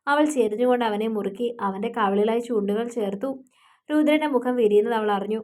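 A woman's voice: on the high side, a little mellow. Woman narrating a romance audiobook. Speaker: storyteller.

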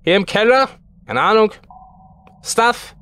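Excitable high-voiced male gamer. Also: slow pace, clean tone. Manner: excitable, chatty, talks to the game characters. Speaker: let's play host. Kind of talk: horror game commentary.

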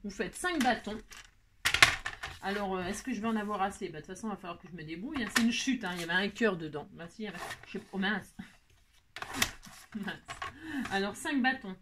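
A woman's voice: medium pitch, animated, a little fast, pauses often, noisy background. A woman hosting a scrapbooking tutorial, chatting playfully with her viewers and rambling to herself while she works. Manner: talks to herself while working, frequent filler words. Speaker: crafting channel host.

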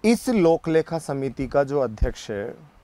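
Slow, deliberate male lecturer. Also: a little high, very animated, dark tone. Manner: asks the class questions and answers them himself, repeats key points. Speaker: political science teacher. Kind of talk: classroom lecture.

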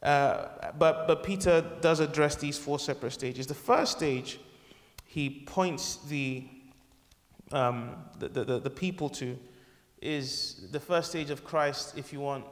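A man in his thirties preaching a sermon in a large wood-panelled church, earnest and halting, often restarting and correcting himself, on a lapel mic. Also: fairly high pitch, in a large hall. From England.

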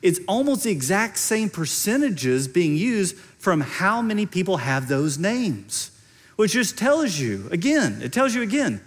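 Middle-aged male, Central Kentucky accent, teaching sermon, higher voice, lively intonation, conversational delivery. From central Kentucky, United States. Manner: conversational, explanatory, repeats phrases for emphasis. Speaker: preacher. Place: large indoor stage.

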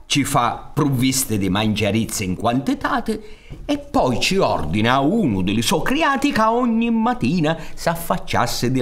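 A man in his sixties with a Sicilian accent tells a folk tale dramatically on a theatre stage, his mid-range voice fairly bright. A storyteller and director, he gestures and poses rhetorical questions. He's recorded on a studio mic on a stand.

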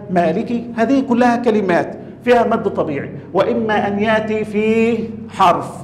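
A man teaching Quran recitation to a class, quizzing students and drawing out example words slowly. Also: sits high, roomy sound, in a large hall. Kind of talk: classroom tajweed lesson.

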